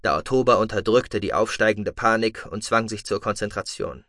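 A man reading a science-fiction novel aloud in a measured, calm storytelling way, recorded on a close studio mic. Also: fairly low pitch, dry recording. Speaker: audiobook narrator. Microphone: close, dry studio mic.

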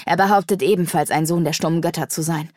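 A woman's voice: low-pitched, fairly even intonation, fast, darkish tone, dry recording. A composed male angel speaks plainly and evenly, put on by a woman narrator. The recording is dry and close. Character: angel, son of the silent gods, male.

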